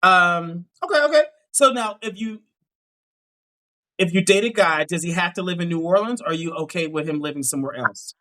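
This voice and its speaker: Speaking with a Pittsburgh accent in a high, bright voice, a male dating coach interviews someone on a live dating show. His questions come fast and upbeat, with steady affirmations in between.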